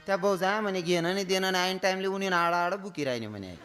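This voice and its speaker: A man's voice: sits high, fast, a bit bright, soft background music. A man giving a comic devotional sermon on stage, telling stories and mimicking wailing women. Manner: storytelling with mimicked wailing voices. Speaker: kirtan preacher.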